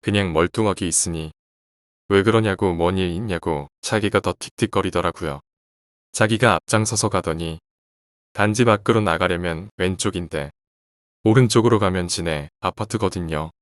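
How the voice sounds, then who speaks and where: Brief: deep-voiced man, steady horror storyteller, close and dry sound. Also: normal speed, dry recording. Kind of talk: scripted narration of a first-person horror story.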